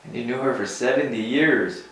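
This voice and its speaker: A man's voice: medium pitch, brisk. A man asking conversational questions as an interviewer. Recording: very echoey, far from mic.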